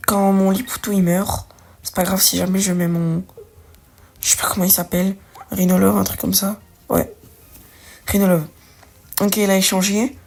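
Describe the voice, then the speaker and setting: This young gaming video creator speaks at a medium pitch and normal speed, with little pitch movement. She offers casual let's-play commentary on a card game, working through her moves aloud in slang and amending what she says, with faint music underneath.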